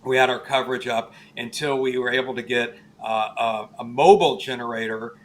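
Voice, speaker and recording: Guy being interviewed as a weather expert, explains stuff conversationally, kinda halting, stresses key words. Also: medium pitch, steady tone. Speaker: guest, television chief meteorologist.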